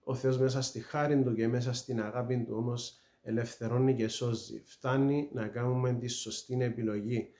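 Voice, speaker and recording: A middle-aged man tells his faith testimony in an earnest, halting way, full of pauses and fillers. His voice is dark and mellow. The room around him is echoey. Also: mid-range voice, level tone. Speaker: testimony speaker.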